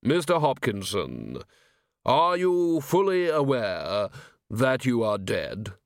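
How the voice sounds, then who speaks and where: A man voicing Death as a solemn, grave figure who speaks flatly and without hurry. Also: medium pitch, creaky, no echo, studio quality, heavily acted. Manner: flat, grave, unhurried. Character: Death, solemn cosmic male reaper.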